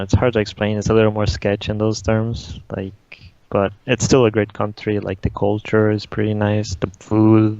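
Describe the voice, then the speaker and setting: A man's voice: lowish voice, vocal fry, darkish tone, clear, resonant tone, no room sound. A young man from Brazil whose first language is Portuguese, answering interview questions in a laid-back way, often saying "like". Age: young adult. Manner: laid-back, uses "like" a lot. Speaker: guest, esports player. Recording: dull, lo-fi audio.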